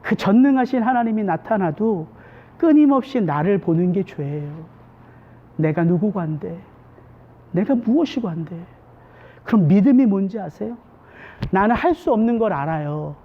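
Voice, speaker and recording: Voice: mid-range voice, animated, normal speed, long pauses, lo-fi sound. A pastor delivering a Sunday sermon in a church, preaching with many rhetorical questions. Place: church sanctuary.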